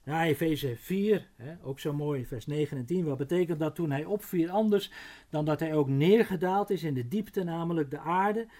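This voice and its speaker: A middle-aged man preaching a sermon in a mellow, slightly high voice. He takes his time, leans on key words, and keeps checking in with the congregation through short tag questions. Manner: unhurried, often slowing to stress words, with frequent "hè" and restarts. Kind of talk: sermon, Bible exposition.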